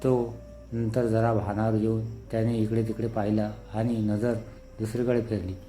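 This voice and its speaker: A man narrating a scripted story in a steady, unhurried way, with soft music behind him. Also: fairly low pitch.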